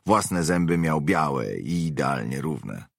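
Very deep, gravelly male narrator. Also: no echo, studio quality. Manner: measured, expressive reading. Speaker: audiobook narrator. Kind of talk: audiobook narration.

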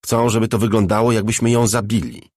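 A man voicing a crude, cold crime boss who speaks calmly and flatly. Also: fairly low pitch, brisk, no room sound, clean studio sound, lightly acted. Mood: detached. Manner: calm, detached, swearing.

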